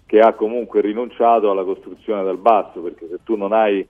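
A man's voice: lowish voice, fairly even intonation, fairly quick, narrow, tinny audio. A man giving discursive, explanatory football commentary as a pundit on a live radio talk show.

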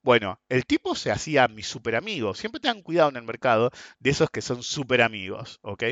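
A man's voice: mid-range voice, a little fast, no room sound. A man with a Rioplatense Spanish accent telling stories about trading to viewers, often tagging sentences with "ok?". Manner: lively storytelling, frequent "ok?" tags. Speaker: trading educator. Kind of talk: casual monologue to viewers. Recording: dull, dry lo-fi sound.

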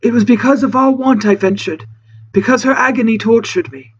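A narrator voicing a desperate, starving old castaway man who pleads haltingly in formal, old-fashioned words. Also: medium pitch, slightly rough, lo-fi sound, voice pushed up, lightly acted. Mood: anguished, fearful.

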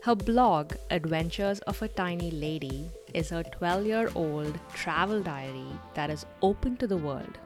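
A woman co-hosting a podcast, reading a guest introduction and asking interview questions in a measured, polite way. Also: fairly low pitch, animated, darkish tone, soft background music. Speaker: podcast co-host.

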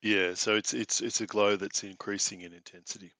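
A man's voice: on the low side, fairly even intonation, brisk, bright, forceful tone, no room sound. A man running a tabletop game as game master, narrating hesitantly with frequent fillers. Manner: hesitant, with many fillers and restarts. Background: music.

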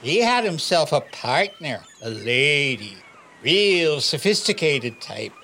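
An actor playing a gruff, salty old fisherman with a theatrical sea-dog drawl in a comedic noir audio drama. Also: on the high side, sing-song, slow pace, sharp tone, a little hiss or hum, heavily acted. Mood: gruff, confiding. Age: older.

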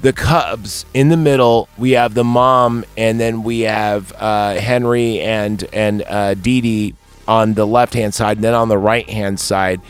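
A man hosts a casual film review podcast, talking bluntly and cursing freely. He rambles through the plot and breaks into high, squeaky voices when he quotes characters. Faint music plays underneath. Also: fairly even intonation, a little slow, smooth. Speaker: podcast host reviewing a movie.

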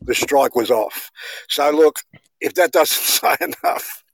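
A man's voice: a little high, expressive, takes it slowly, no echo, poor audio. A man, a podcast guest telling long, rambling stories in casual chat. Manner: rambling storyteller, says mate.

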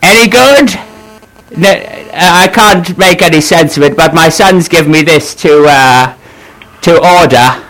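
A doddery old gentleman, as a radio host puts him on, fumbling through his words with plenty of uhs and a slightly raised, careful tone. He sounds polite and befuddled, picking his way slowly through a prank phone call, speaking into a radio studio microphone. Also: fairly high pitch. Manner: hesitant, fumbling with frequent uhs, slow and genteel.

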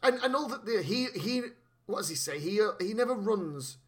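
This man co-hosts a podcast, casually chatting about a film at a normal speed in a high-pitched voice. His manner is jokey and animated, and he swears freely.

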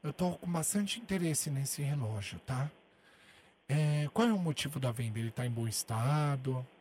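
A man's voice: medium pitch, animated, normal speed, darkish tone, slight background noise. A male radio host making a prank call from the studio, teasing the other person and nagging him over and over. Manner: teasing, keeps repeating a nagging request.

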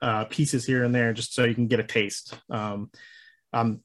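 A man talking casually as an interview guest, halting and rambling, with frequent chuckles. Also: mid-range voice, little pitch movement. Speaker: interview guest, maker of a horror host show.

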